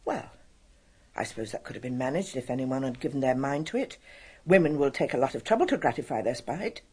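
In a radio drama, a woman with an English accent plays a brisk, reserved and frank spinster assistant, her delivery husky and matter-of-fact. Her voice is extremely low and dark, expressive and deliberately exaggerated.

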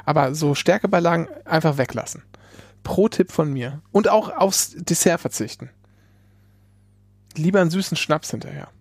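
Halting, higher-voiced man chatting. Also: expressive, dry recording. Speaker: podcast co-host. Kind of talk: casual chat.

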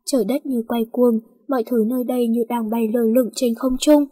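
A woman narrating a romance story in a steady, flowing read. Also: a little high, a little fast, slightly rough, dry recording. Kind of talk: storybook reading.

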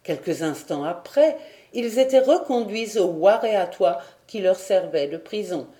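A woman reading a classic adventure novel aloud as an audiobook, steady and expressive. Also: mid-range voice, a little slow. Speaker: audiobook reader.

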